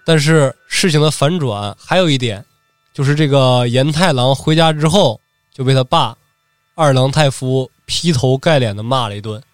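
A man, co-hosting and telling a story in a jokey, animated way. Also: mid-range voice, normal speed, no echo, faint music behind. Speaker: podcast co-host, storyteller. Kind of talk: comic storytelling.

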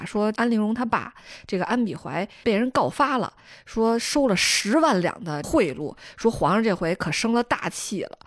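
A woman hosting a podcast, retelling a TV drama's plot in a casual, lively way and acting out the characters' lines with a northern style lilt. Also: medium pitch, dry recording, studio quality. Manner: animated storyteller, acting out dialogue lines. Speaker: podcast host.

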